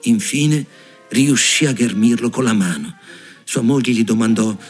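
A man reading a fairy tale aloud, with expressive storytelling. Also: medium pitch, unhurried, slightly rough, faint music behind. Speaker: reader.

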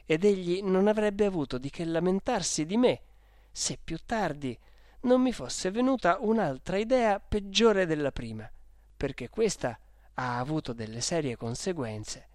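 A lively storyteller reading a first-person tale at a mid pitch. The recording is close and dry, with no room echo. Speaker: narrator. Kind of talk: audiobook narration.

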